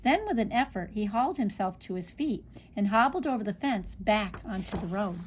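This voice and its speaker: A woman reading a children's picture book aloud, expressive, with small slips and restarts. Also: mid-range voice, normal speed, slight background noise. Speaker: storybook reader.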